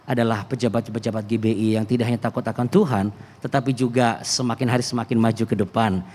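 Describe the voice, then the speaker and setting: A man's voice: medium pitch, darkish tone. A man hosting a conversational talk show, speaking through a face mask in a wordy, polite way and repeating himself for emphasis. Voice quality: slightly muffled by a face mask. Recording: reverberant hall.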